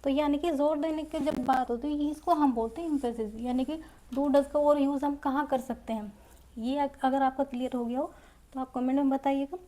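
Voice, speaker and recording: A woman's voice: high voice, fairly even intonation, moderate pace, warm tone. A woman teaching English grammar in Hindi, explaining step by step and repeating each example in both languages. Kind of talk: Hindi-medium grammar lesson.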